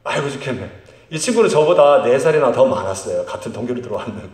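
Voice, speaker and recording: A middle-aged man preaching a sermon as pastor of a church, swinging between loud emphatic lines and very quiet ones. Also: medium pitch, fast talker. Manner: lively, animated delivery. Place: church sanctuary. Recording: roomy church sound.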